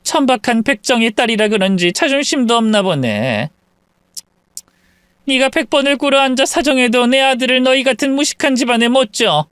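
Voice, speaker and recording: Snobbish mother-in-law played by a man; contemptuous, drawling, lively pitch, dry close sound. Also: moderate pace, clear, resonant tone, dry recording. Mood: sneering. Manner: sneering, haughty.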